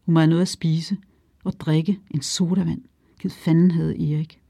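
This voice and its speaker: A narrator reading a novel aloud in a calm, even storytelling manner. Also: medium pitch, gravelly, no room sound, studio quality. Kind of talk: audiobook narration.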